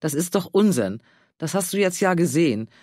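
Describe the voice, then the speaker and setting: A man voicing a stubborn, pompous retired tax official in his sixties, deep and slow. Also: animated, a little mellow, no room sound, clean studio sound. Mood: dismissive. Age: 60s.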